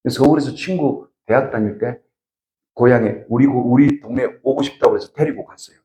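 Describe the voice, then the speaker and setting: A man's voice: medium pitch, brisk, warm tone. A man from the region, giving a lecture and telling stories while he questions the audience directly. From Gyeongsang region, South Korea. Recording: echoey lecture room.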